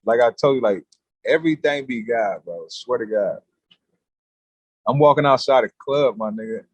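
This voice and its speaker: A man telling a story as a podcast guest in casual street slang, animated and blunt. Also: medium pitch, moderate pace, slightly rough, no echo, rough recording. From California.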